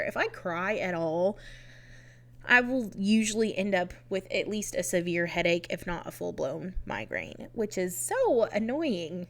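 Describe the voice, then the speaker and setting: A young woman chatting casually over a voice-over, rambling and laughing often, her nose stuffed up from crying. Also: medium pitch. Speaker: Sims builder vlogger.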